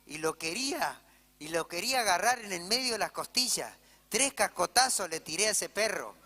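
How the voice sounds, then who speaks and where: A man's voice: high voice, lively intonation, normal speed, pushed and bright. A male pastor with an Argentine Spanish accent preaching a sermon in church, telling stories conversationally and checking in with "¿sí?". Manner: conversational storytelling, frequent "¿sí?" asides to the congregation. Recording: church hall reverb.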